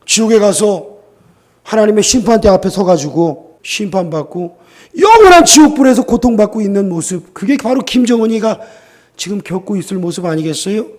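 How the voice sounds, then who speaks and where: A man's voice: high voice, darkish tone. A male pastor preaching a sermon, telling stories and acting out quoted voices before building to emphatic appeals. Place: church sanctuary.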